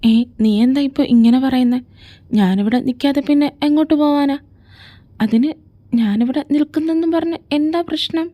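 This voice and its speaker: A cheeky, whiny young man pleads to be allowed to stay, voiced by a woman. The voice sits fairly high with a mellow, soft tone. This is a homemade fan audio drama. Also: moderate pace, close to an everyday voice. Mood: pleading. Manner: whiny and begging.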